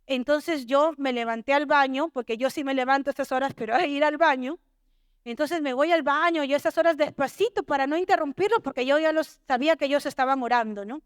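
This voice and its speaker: High-voiced woman preaching testimony. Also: a little fast, no echo, studio quality. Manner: animated storytelling, acts out quoted dialogue. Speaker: church sister giving testimony. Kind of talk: testimony sermon.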